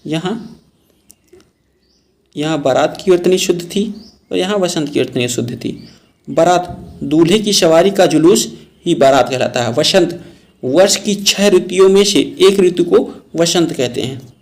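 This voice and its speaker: Male Hindi teacher, raised gravelly voice, repeats each word while explaining spelling for exam prep. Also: a little high, unhurried, long pauses. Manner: explains word by word, repeats terms, calls viewers "friends".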